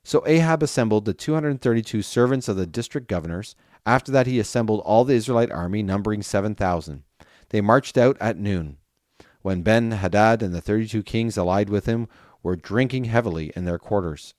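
A man reading scripture aloud at a steady, measured pace. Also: lowish voice, no room sound, clean studio sound. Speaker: scripture reader.

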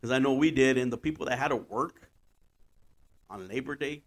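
A man's voice: mid-range voice, normal speed. Casual male podcast host, loose and repetitive. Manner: loose, repeats phrases for emphasis. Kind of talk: casual solo podcast chat, bilingual slang and swearing.

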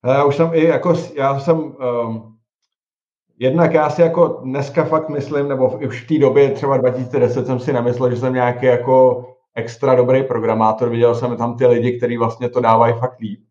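A tech executive in his forties speaks casually in an interview, frequently hesitating with fillers and restarts. His mid-range voice is steady in tone and a little mellow, and the recording sounds dull and roomy.

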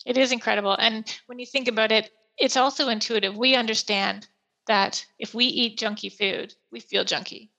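Bright, creaky-voiced woman explaining casually. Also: a little high, steady tone, moderate pace, low-quality recording. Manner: chatty, plain-spoken explaining with quoted anecdotes. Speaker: podcast host and pet food store expert. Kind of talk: casual explanatory podcast chat.

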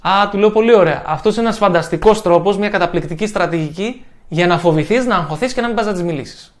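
A young man, a self-improvement coach, giving an energetic motivational talk and acting out his examples by changing his tone and loudness. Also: sits high.

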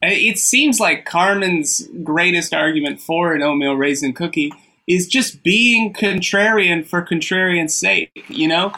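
A man's voice: high-pitched, unhurried, sharp tone, low-quality recording. A man comedian making a mock-reasonable, earnest argument in casual podcast banter. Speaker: comedian, debate guest.

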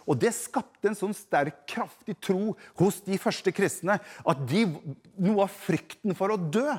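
A man delivers a sermon straight to the congregation, moving back and forth between loud, emphatic lines and quiet, hushed stretches. His voice sits high.

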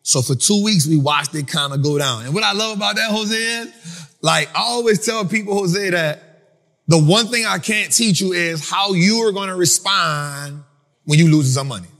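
A man hosting a finance talk for a live audience, in a casual, animated storytelling style that acts out other people. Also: high-pitched, moderate pace, long reverb tail. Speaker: finance speaker and host. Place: event venue with an audience.

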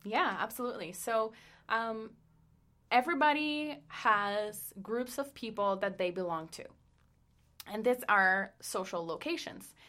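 A woman's voice: mid-range voice, a little slow, sharp tone. A woman from Costa Rica with an accent, not a native English speaker, co-hosting a casual podcast and explaining things with easy laughs. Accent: Costa Rican. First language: French and Spanish. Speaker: podcast co-host.

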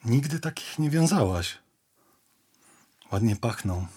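A man voicing a pleading, possessive young woman in an audio drama, coaxing and insistent, sometimes sinking to a soft intimate hush. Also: medium pitch, animated, takes it slowly, breathy edge.

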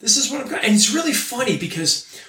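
A man in his late forties hosting a podcast, giving an energetic motivational monologue and repeating key phrases for emphasis. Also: extremely high pitch, fast talker, distant mic. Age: 40s. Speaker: podcast host. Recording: echoey room, voice off-mic.

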